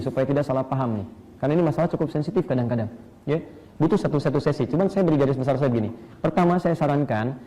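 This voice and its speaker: A man preaching at a brisk pace in a slightly raised, mellow voice. He lectures with energy and breaks into chanted Arabic meters. He often checks that his listeners are following. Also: on the high side, low-quality recording. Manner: asks audience rhetorical questions. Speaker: Islamic preacher. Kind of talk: lecture sermon.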